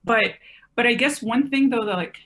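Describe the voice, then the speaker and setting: With a fairly high, somewhat bright voice at a moderate pace, a woman in her twenties chats as a podcast guest, rambling a bit and leaning heavily on "like" and other fillers. The audio has a little hiss or hum.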